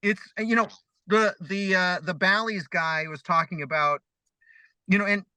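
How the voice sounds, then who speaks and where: A man's voice: high-pitched, a little slow, pushed and bright, smooth, no echo, rough recording. A man from Chicago co-hosting a podcast, talking in a rambling way full of fillers. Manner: rambling, lots of "you know" fillers. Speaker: podcast co-host. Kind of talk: casual podcast chat.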